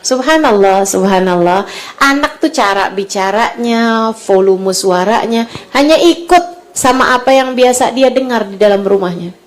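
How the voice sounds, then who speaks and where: Higher-voiced woman preaching to mothers. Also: a little slow. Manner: shifts from soft, hushed advice to lively raised storytelling. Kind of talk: Islamic sermon to mothers.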